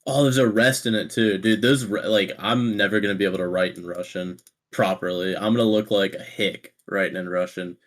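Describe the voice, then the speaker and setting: Podcast co-host, male, lower voice, loose rambling casual chat. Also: fairly even intonation, fairly quick. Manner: rambling, restarts often, laughs easily.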